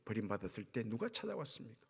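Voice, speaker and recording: A male pastor preaching a sermon, acting out cries of anguish with sweeping swings in pitch and volume. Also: very animated, fast, vocal fry, husky.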